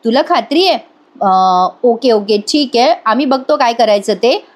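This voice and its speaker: A worried young man who talks things over with his friend in an anxious, conversational way, as read by a woman narrator. The voice is high. It is a recap voice-over read. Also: animated, normal speed, close to an everyday voice.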